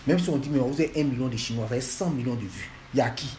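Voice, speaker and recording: A man's voice: medium pitch, very fast, a little mellow, a little hiss or hum. A man, lecturing and scolding fans in a repetitive, emphatic monologue. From Ivory Coast.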